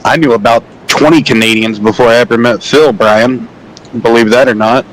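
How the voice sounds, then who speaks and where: A man's voice: mid-range voice, fairly even intonation, normal speed, slight background noise, poor audio. A man giving casual play-by-play commentary on a simulated truck race, rambling and self-deprecating with jokey asides. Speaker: sim racing commentator. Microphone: home microphone, online call.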